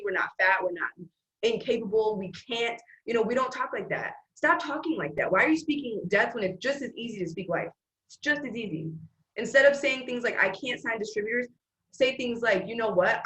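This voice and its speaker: A woman's voice: mid-range voice, fairly bright tone, low-quality recording. A woman in casual motivational chat, emphatic and preachy, quoting scripture and urging listeners to speak life over themselves.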